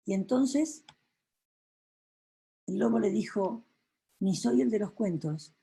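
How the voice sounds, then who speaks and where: Woman coach, storyteller; slow, soft, breathy and mellow. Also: medium pitch, lively intonation, rough recording. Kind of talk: storytelling to an audience.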